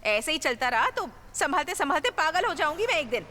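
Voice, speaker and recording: A woman dubbing a fed-up mother in a film, shrill and scolding. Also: big pitch swings, brisk, bright, forceful tone, big-room sound, full character voice. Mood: angry. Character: angry fed-up mother, shouting at son. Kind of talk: Hindi film dub. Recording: film dub over music.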